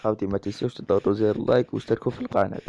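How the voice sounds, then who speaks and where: Very fast and low-pitched with vocal fry, this male gaming YouTuber narrates a let's-play in a chatty Algerian Arabic accent, calling his viewers brothers. There's no echo, but the lo-fi mic sounds dull and carries steady noise.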